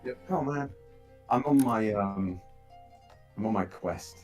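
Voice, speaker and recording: A man chatting casually about coding setups, bouncing between thoughts with lots of fillers and restarts. His voice sits a little low and comes through a laptop microphone, with faint guitar music in the background. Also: slow pace, a little mellow. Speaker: software developer chatting on a call. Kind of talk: casual chat.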